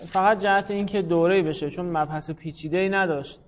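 A man's voice: high-pitched, fairly even intonation, muffled recording. A man teaching a class, explaining grammar patiently and calling on students by name. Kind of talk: classroom lecture.

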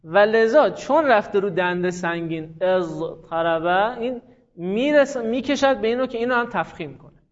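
Male teacher, high voice, animated, encouraging, dull lo-fi recording. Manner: animated, praises students, repeats examples slowly. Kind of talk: classroom lesson on Arabic morphology.

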